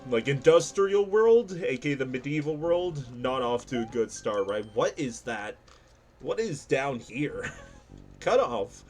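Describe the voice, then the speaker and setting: A man giving casual gameplay commentary as a streamer, animated and self-mocking, laughing often. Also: mid-range voice, a little slow, faint music behind.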